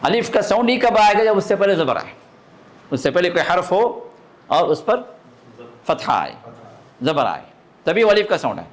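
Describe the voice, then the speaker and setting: A man teaching a live recitation class to students, sounding out throat letters and asking often if the point is clear. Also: high voice, sing-song, long pauses. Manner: demonstrates throat sounds, asks learners to confirm understanding. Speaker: religious teacher.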